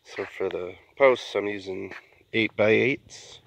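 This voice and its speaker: Standing behind his handheld phone camera, a man narrates a laid-back building vlog outdoors in a wooded yard at a construction site, explaining as he goes. His lowish voice is slow, creaky, and a bit bright, with no echo but low recording quality.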